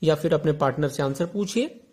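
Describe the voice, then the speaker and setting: A male teacher with an Indian English accent explaining a textbook lesson, repeating words and reading English lines out slowly. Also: fairly high pitch, animated, warm tone, husky.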